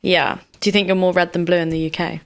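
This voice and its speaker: Woman cohost, slightly low voice, teasing and asking stuff. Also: flat delivery, fast, gravelly. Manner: teasing, questioning interjections. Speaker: podcast co-host. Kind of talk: casual chat.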